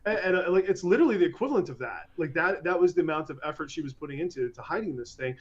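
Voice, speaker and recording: On a laid-back podcast, this man speaks in an animated, racing way with a voice on the high side, and the sound is lo-fi. He keeps starting his sentences over and does impressions of the people he quotes.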